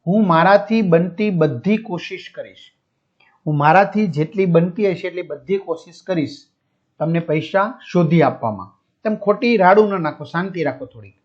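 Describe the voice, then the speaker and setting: Man as a calm tour guide, soothing, pleading, fairly high voice, muffled lo-fi audio. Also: moderate pace, lightly acted. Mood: placating. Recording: dull lo-fi audio.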